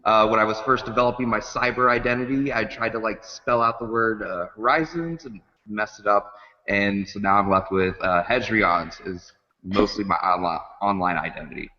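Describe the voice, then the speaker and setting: A man's voice: fairly low pitch, moderate pace, pushed and bright, muffled recording. A man co-hosting a webcast from a large rec center stage, his voice echoing through a big hall over a video call, chatty and self-deprecating. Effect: big hall echo. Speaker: co-host. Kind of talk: casual chat on a webcast.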